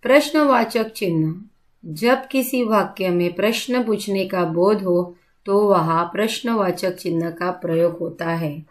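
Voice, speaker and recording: Slow, clear-spoken woman teacher. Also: mid-range voice. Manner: slow, clear, explanatory, repeats example sentences. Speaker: school teacher. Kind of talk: classroom grammar lesson.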